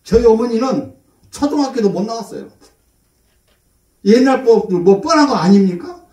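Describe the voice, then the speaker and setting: A man's voice: extremely high pitch, sing-song, normal speed, warm tone. A middle-aged man preaching as a pastor, telling stories in a folksy way and acting out other people's voices. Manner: folksy storytelling, acts out his mother's voice. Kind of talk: sermon. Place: church. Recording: echoey church hall, voice from far off.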